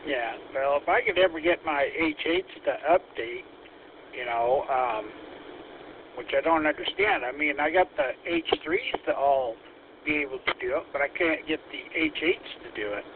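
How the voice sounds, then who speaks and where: A man chatting casually over a two-way radio, easygoing and halting, with plenty of fillers. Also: a little high, expressive. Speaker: radio operator. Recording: tinny radio transmission with faint hiss.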